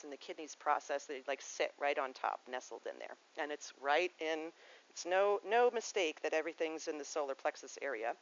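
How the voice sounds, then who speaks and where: A woman's voice: low voice, a bit bright, muffled recording. A woman yoga teacher giving a casual spoken lesson, rambling and digressive, often restarting her sentences.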